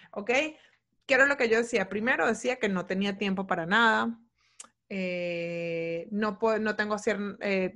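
A woman's voice: medium pitch, a bit bright. A woman, a podcast host coaching her listeners in a casual talk, often checking in with "ok?". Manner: chatty, frequent "¿ok?" check-ins, varied pace.

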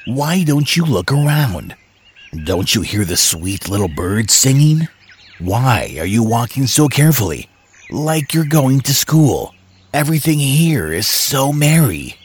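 A woman's voice: extremely low pitch, very animated, unhurried, breathy edge, voice pushed down, heavily acted. A woman voicing a sly, hungry male wolf in a storybook reading, sweet-talking and sneaky. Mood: coaxing. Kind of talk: storybook read-aloud.

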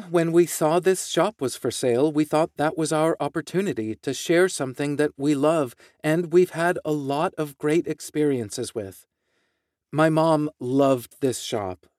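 A man reading local newspaper articles and quotes aloud in a steady, measured way. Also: fairly high pitch, no echo, studio quality. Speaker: news reader.

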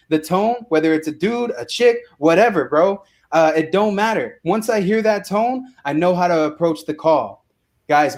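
Young man, interview guest, energetic, slangy, slightly high voice. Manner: energetic, slangy, says bro and dude a lot. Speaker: guest, real estate investor. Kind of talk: casual interview talk.

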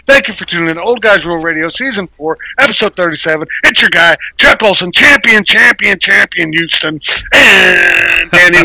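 A man's voice: sits high, pushed and bright, no echo, low-quality recording. An older man hosting a casual sports talk radio show, rambling in a folksy way and leaning on old sayings.

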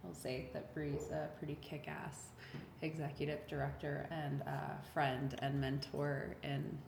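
A woman interviewing a guest, speaking softly and encouragingly as she asks questions. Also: low-pitched, little pitch movement, unhurried, creaky. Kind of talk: conversational interview. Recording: echoey room with noticeable background noise.

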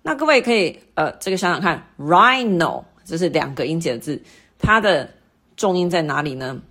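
A middle-aged woman hosting a lesson, explaining English word stress to listeners patiently and repeating each example word slowly. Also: low-pitched, very animated, a bit bright, slightly rough. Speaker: English teacher and podcast host.

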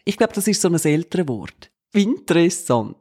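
A woman's voice: fairly low pitch, sing-song, moderate pace, darkish tone. A young woman with a Swiss German accent, co-hosting a podcast in casual chat and playfully acting out quoted voices. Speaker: podcast co-host.

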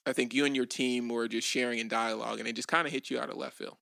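A man hosting an interview, prompting his guest calmly with frequent affirmations. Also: medium pitch, fast talker, gravelly, no room sound, clean studio sound. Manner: calm, prompting, many affirmations. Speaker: host. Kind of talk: interview podcast.

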